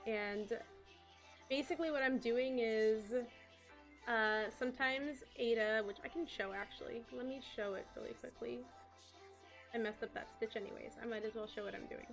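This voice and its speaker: Woman, craft streamer, casual chat, fairly high voice, faint background music. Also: normal speed, vocal fry, fairly bright tone.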